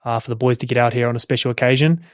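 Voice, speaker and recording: A man's voice: mid-range voice, fairly even intonation, very fast, clean tone, no echo, clean studio sound. A man hosting a casual interview in a chummy, encouraging way. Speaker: podcast host.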